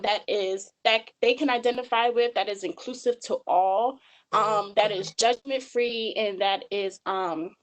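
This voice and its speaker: The audio is poor as a Georgia woman in her 20s walks through a slide webinar in a fairly high voice. Her delivery is earnest, with lots of filler ums.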